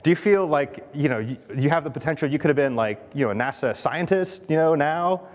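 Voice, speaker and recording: A man's voice: on the high side, expressive, brisk. Chatty man giving a keynote in a hall. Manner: chatty, asks the audience questions, many fillers. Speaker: conference speaker. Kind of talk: conference keynote talk. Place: large conference hall. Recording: long hall reverb.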